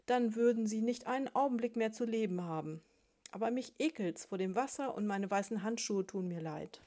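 A woman voicing a stingy, grumpy male hamster farmer who snaps, blusters and shouts in complaint. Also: medium pitch, normal speed, natural voice. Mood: snappish. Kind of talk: audiobook character voice.

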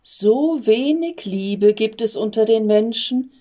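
A woman's voice: on the high side, animated, slow, mellow. Woman voicing a fretful young male angel. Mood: dismayed. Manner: fretful, pleading. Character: worried young male angel, anxious and tender-hearted. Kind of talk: storybook reading.

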